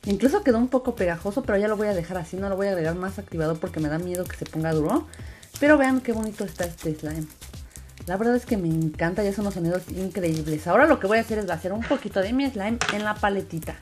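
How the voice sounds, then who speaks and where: A woman of average pitch narrates a hands-on craft tutorial step by step. She talks casually and doubles up words for emphasis. Soft music runs behind her voice. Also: lively intonation, quick pace. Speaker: host of a slime craft channel. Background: background music.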